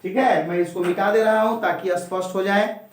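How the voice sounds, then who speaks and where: A man teaching a Hindi grammar lesson at a board, drilling each point slowly and repeating it while he speaks straight to his students. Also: high voice, fairly even intonation. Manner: slow, repetitive drilling, addresses students directly. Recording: very echoey room.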